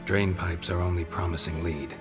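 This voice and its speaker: An actor plays Geralt, a gruff middle-aged monster hunter in a video game, talking in short, dry, clipped lines. His voice sits extremely deep and low. Game music plays clearly behind him. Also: flat delivery, normal speed, lightly acted.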